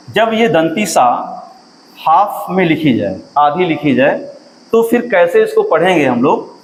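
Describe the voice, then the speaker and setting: A man teaching an exam-prep lesson, repeating key facts, asking his students questions and often clearing his throat. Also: sits high, slight background noise, low-quality recording.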